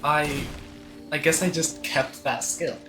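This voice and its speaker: Off-mic in a roomy space with loud game music playing and others present, a game streamer rambles casually, restarting his thoughts as he goes. He speaks slowly at a fairly high pitch with fairly even intonation.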